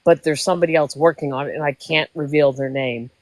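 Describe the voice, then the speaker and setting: A woman's voice: deep voice, steady tone, fast talker, no room sound. A woman in her sixties, a livestream guest, telling a story in casual chat, emotional and rambling, often repeating herself. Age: 60s.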